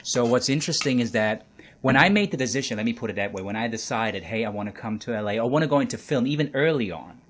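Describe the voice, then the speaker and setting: A man's voice: mid-range voice, animated, fast talker. A man from Germany with a German accent, hosting a podcast interview and talking earnestly, often repeating words as he searches for them. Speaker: podcast host. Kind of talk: casual interview chat.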